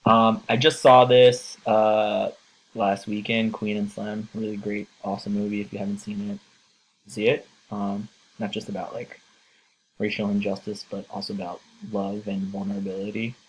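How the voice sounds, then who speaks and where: Earnest male teacher, lowish voice, casual and filler-heavy. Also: monotone, moderate pace, slight background noise, poor audio. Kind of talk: casual lecture.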